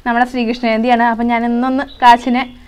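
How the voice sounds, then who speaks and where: A woman's voice: on the high side, flat delivery, fast talker, darkish tone, clean tone. Chatty young mother vlogging at home. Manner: chatty, coaxing, switches between talking to viewers and her child. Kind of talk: casual home vlog with her toddler. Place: home indoors.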